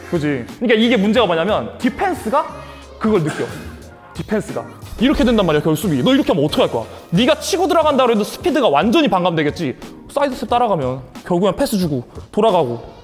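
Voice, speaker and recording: High, lively male basketball coach in a gym. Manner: barks short cues and counts, coaxing and emphatic. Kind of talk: on-court coaching instruction. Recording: long gym reverb with faint music. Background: basketball bouncing, faint music.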